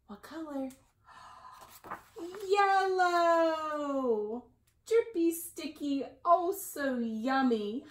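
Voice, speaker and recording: Reading a picture book aloud for little kids, this high-voiced storytime reader in her forties takes a very slow, sing-song pace and draws out the important words. The clip comes from a small indoor room at home, with echo and a somewhat distant mic.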